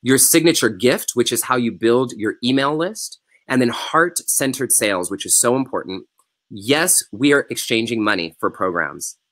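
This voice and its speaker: A man hosting a live webinar as a yoga business coach. He teaches and pitches in a casual, emphatic way and repeats his key phrases. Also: lively intonation, moderate pace, a bit bright. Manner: casual and unpolished by choice.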